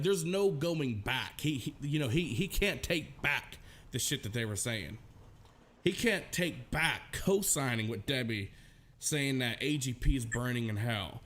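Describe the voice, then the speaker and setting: A man's voice: medium pitch, fairly bright tone. Rambling man with a mid voice. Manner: rambling, profane, many restarts. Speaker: livestream co-host. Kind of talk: casual livestream chat.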